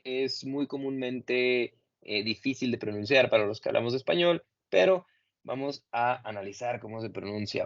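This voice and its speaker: A man teaching English in Spanish over a video call, patiently modeling each word slowly and clearly for his students. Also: mid-range voice, muffled recording. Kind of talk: online class correcting pronunciation.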